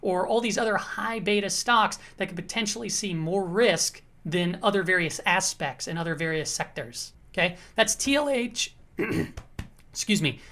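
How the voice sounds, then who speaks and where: Here a woman with a slightly hoarse voice runs a laid-back market commentary, going over charts conversationally and frequently addressing the viewer. Her pitch is on the low side, her delivery animated at a moderate pace, and her tone fairly bright.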